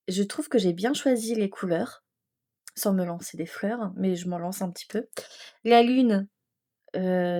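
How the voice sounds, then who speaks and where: A woman's voice: mid-range voice, warm tone. A woman chatting casually and enthusiastically as she shows her coloring work, with many fillers and restarts. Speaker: coloring vlogger. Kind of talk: casual show-and-tell chat.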